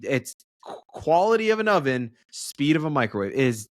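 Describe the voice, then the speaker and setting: A man co-hosting a casual podcast, energetic, slangy and teasing, talking into a podcast microphone. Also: fairly high pitch, normal speed, no echo, studio quality. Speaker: podcast co-host.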